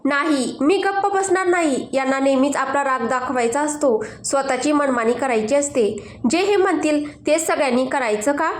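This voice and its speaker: A woman's voice: high voice, normal speed, reverberant, close to an everyday voice. A woman voicing a protective older brother in a storybook, protesting indignantly.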